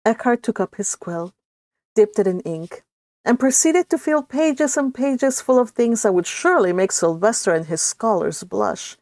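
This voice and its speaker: A woman who isn't a native English speaker reads her own fan fiction aloud, then chats about it, laughing often and restarting her sentences. Her fairly high voice has lively intonation, normal speed, and a darkish tone, with no room sound.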